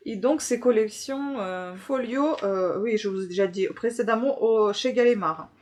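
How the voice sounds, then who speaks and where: A woman's voice: medium pitch, moderate pace, a little mellow, slight background noise. A woman vlogger chatting casually through a book haul, hesitant and full of filler sounds.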